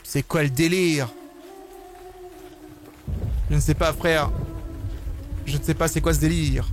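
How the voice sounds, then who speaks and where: A young man commenting on a horror game he is playing, excitable and slangy, yelping and screaming when scared. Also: a little high, slow pace. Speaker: gaming YouTuber. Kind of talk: let's play commentary. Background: game music.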